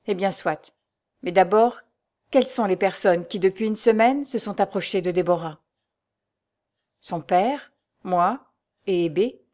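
A woman's voice: medium pitch, measured pace, long pauses, darkish tone, lightly acted. Woman reading a grave old male doctor. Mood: somber.

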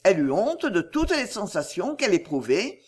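A woman narrating a classic novel as an audiobook, her voice husky and breathy at mid pitch. Her reading is expressive and measured, with intonation that rises and falls in a lively way. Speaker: audiobook reader.

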